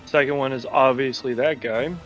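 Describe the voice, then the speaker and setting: A man playing a tabletop game, chatting excitably and laughing often. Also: mid-range voice, moderate pace, faint music behind. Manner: excitable, laughing, talks over others. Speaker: player. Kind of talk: casual tabletop game chat. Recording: muffled lo-fi mic.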